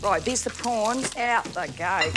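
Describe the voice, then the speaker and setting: A New Zealand woman competing on a cooking show, firing off rapid instructions in a busy kitchen. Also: mid-range voice, background noise. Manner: bossy, rapid-fire instructions. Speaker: cooking contestant. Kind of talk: reality TV kitchen talk. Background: background music.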